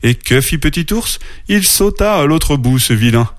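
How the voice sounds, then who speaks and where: A man narrating a children's storybook aloud in a playful, expressive read-aloud manner. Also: on the high side, normal speed, no room sound, studio quality.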